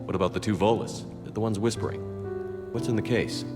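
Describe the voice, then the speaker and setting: Space commander, male actor: low, steady, plain-spoken, earnest. Hall reverb, music underneath. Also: fairly quick, natural voice. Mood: curious, amused. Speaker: video game voice actor. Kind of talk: game dialogue acting. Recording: echoing hall, music behind.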